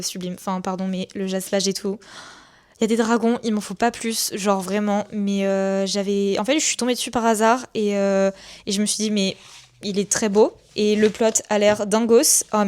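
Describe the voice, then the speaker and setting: A woman's voice: mid-range voice, darkish tone. A young woman book vlogger talking casually at her desk at home, enthusiastic and chatty with many fillers. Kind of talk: casual vlog chat.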